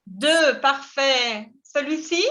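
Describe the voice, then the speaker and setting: Slow, careful high-voiced teacher woman. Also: bright, forceful tone. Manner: slow, careful, repeats words for pronunciation; switches between Spanish explanations and French examples. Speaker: French teacher. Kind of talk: online language class.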